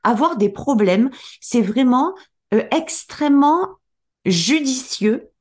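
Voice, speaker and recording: A woman's voice: fairly high pitch, lively intonation, normal speed, darkish tone. A woman co-hosting a casual motivational podcast, who talks reflectively, searches for words and builds long points. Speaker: podcast co-host.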